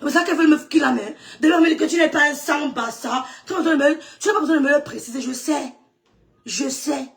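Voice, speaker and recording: A woman from Cameroon delivering a heated, defiant monologue aimed at her critics, trading insults and switching between mocking laughter and shouting. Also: high-pitched, quick pace. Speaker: online content creator.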